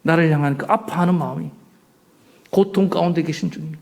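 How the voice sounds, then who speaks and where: A male pastor delivering a sermon, swinging between soft near-whispers and loud outbursts. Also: fairly high pitch, brisk, creaky.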